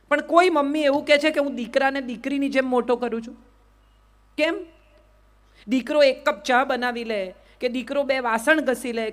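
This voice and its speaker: A middle-aged woman public speaker with a Gujarati accent and a high voice gives a lively motivational speech, often putting questions straight to her audience.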